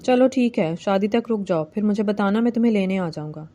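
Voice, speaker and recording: A woman's voice: medium pitch, dark tone, dull audio, natural voice. A woman voicing a domineering young male village landlord in a novel reading, commanding and teasing.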